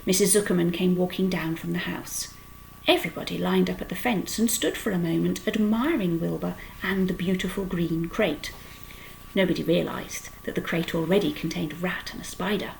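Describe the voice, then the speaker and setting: Gravelly woman reading a children's story. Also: lowish voice, normal speed, a little hiss or hum, rough recording. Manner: expressive storytelling. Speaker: storytime reader. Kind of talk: reading a children's book aloud.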